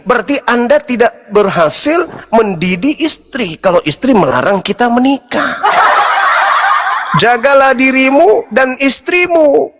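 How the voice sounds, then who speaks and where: Animated man preaching in a hall. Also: high-pitched. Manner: animated, theatrical, jumps between loud and quiet. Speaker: religious apologist. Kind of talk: preaching-style debate talk.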